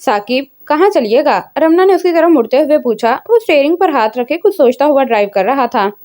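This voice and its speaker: A woman narrator reading a romance novel aloud in a steady storytelling manner. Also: high voice, brisk.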